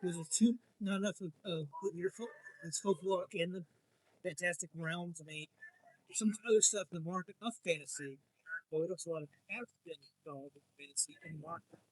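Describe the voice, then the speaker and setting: A man's voice: high voice, brisk, no room sound, low-quality recording. A man interviewing a comics publisher, asking long, rambling questions with many restarts. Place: comic convention floor.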